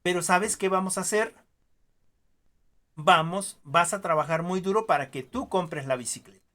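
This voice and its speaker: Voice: mid-range voice, moderate pace, lightly acted. A teacher playing a patient father. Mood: reasoning. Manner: gentle, reasoning. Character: calm patient father explaining to his son.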